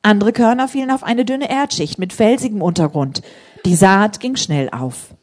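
A woman preaching a sermon in a church service, telling testimonies in an animated, emphatic way and rising to loud appeals. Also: mid-range voice, normal speed.

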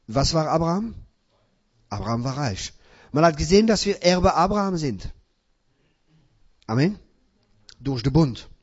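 A male preacher delivering a sermon in non-native German. He reads scripture and asks his congregation questions, then answers them himself, rising to loud emphatic peaks. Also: a little high, sing-song, measured pace, pauses often, husky. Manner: loud emphatic peaks between quieter passages. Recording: dull lo-fi recording.

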